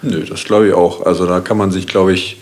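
A man speaking as a guest in a casual talk, calm and hesitant, with short answers and fillers. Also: deep voice, brisk. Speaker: guest, designer. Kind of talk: casual interview chat.

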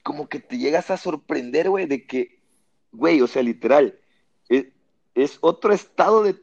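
A man in his thirties from Veracruz with a Veracruz Mexican accent, chatting casually in a loud, slangy way and laughing often. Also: a little high, animated, moderate pace, creaky, dull audio. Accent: Veracruz Mexican Spanish. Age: 30s. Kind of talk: casual chat.

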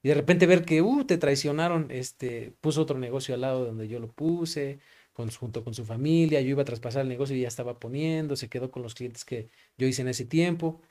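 Earnest and fairly quick, a young pastor with a Mexican accent and a darkish, medium-pitched voice shares his testimony in an interview. He leans on fillers like "este" and "¿no?" and reenacts remembered exchanges, voicing each side.

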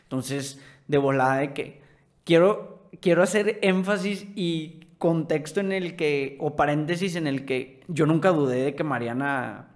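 A young Mexican man, a podcast guest, calmly explaining his side of a story in a casual conversation. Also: fairly high pitch, unhurried.

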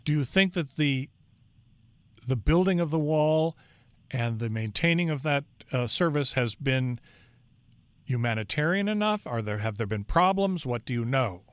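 A man's voice: mid-range voice, animated, moderate pace, clear, resonant tone, no echo. A man hosting a broadcast interview as a radio talk show host.

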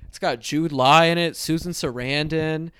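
A man's voice: a little high, fairly even intonation, moderate pace, fairly bright tone, clear, resonant tone. A man co-hosting a podcast, chatting casually and teasing his co-host. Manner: playful, teasing banter. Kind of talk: casual chat.

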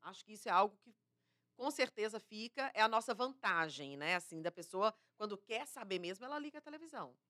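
Quick bright-voiced mineira woman. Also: mid-range voice. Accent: mineiro Brazilian Portuguese. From Minas Gerais, Brazil. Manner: lively, chatty, fond of slang. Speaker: journalist guest. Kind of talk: casual talk-show interview.

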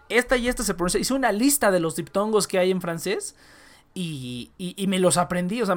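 A young man with a Mexican Spanish accent, co-hosting a podcast in casual chat, rambling with many restarts and fillers. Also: high voice. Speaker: podcast co-host.

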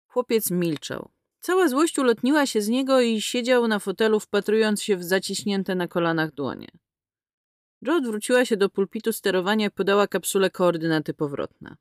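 A woman reading a science-fiction audiobook as narrator, in an expressive storytelling manner. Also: mid-range voice, normal speed, no room sound, studio quality.

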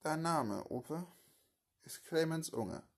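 A man telling a home-made crime audio drama and voicing all its parts, speaking slowly and haltingly with abrupt loud outbursts. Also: a little high, expressive, creaky, husky.

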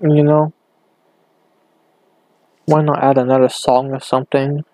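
A young man rambling hesitantly on his own podcast, talking low in his bedroom with a hand cupped over the mic. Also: little pitch movement, unhurried, a little mellow, dry recording. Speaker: podcast host. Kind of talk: casual solo podcast. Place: bedroom at home.

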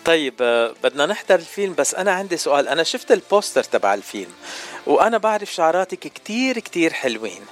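A man's voice: a little high, big pitch swings, very fast, soft background music. A man hosting a casual radio interview, easygoing and teasing. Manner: easygoing, teasing, laughs often. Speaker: radio host.

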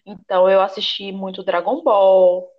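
A woman's voice: medium pitch, flat delivery, normal speed. A young woman with a Brazilian accent chats casually with a friend as a podcast co-host. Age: young adult. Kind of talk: casual chat between friends. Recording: slightly dull, lo-fi audio.

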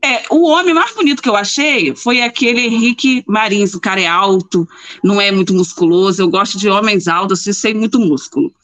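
A woman talks in an easy, casual way as a commentator on a live stream, leaning hard on her words and repeating them for effect. Her voice sits in a middle pitch. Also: a little fast. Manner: emphatic, repeats herself for effect. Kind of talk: casual chat.

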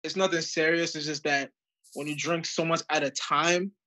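A man's voice: on the high side, fairly even intonation, moderate pace, pushed and bright. A young man co-hosting a casual podcast chat, telling a story with laughter and acting out what others said. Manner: laughing storyteller who acts out quotes. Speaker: podcast co-host.

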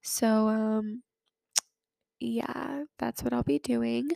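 Still getting over a cold, a podcast host in her twenties sounds nasal while she chats casually, filling her speech with fillers. Her on-the-high-side voice is gravelly and dark, with a level tone and an extremely slow pace. The studio sound is clean, with no echo.

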